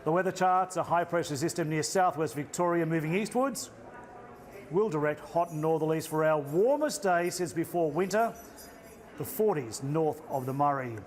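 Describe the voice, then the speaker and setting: A man's voice: a little high, moderate pace. Playful Australian weatherman on location. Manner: playful, jokey delivery. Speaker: weather presenter. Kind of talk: TV weather forecast. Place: outdoor location broadcast.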